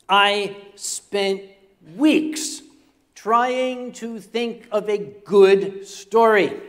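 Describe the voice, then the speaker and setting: An older man telling a comic story on a convention stage, rambling and self-mocking with humorous asides. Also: high voice. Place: convention stage before an audience.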